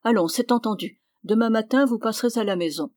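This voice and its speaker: A woman's voice: on the high side, brisk, a little mellow, no room sound, lightly acted. Brief: woman reading a heavy-set middle-aged male master, commanding, voice rising, dry close sound. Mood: placating. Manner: commanding, raised voice. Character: stout middle-aged male master, anxious then furious.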